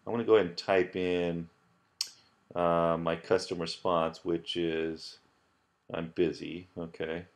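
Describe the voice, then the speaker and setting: A man with a very deep voice walks through a coding screencast at his desk. He talks casually and loosely, with lots of "okay" and "you know", and often starts sentences over. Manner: casual, many fillers and restarts. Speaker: professor teaching app building. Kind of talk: screencast tutorial.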